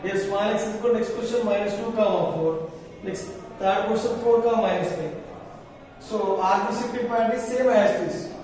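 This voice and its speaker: A male maths teacher with an Indian accent speaks in a high voice from well back in a very reverberant room. He dictates each step slowly and deliberately, repeating phrases and prompting the class with questions. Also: a little mellow. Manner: repetitive step-by-step dictating, stretching key phrases; prompts listeners with questions ending in "sir". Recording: very echoey room, distant mic, faint noise.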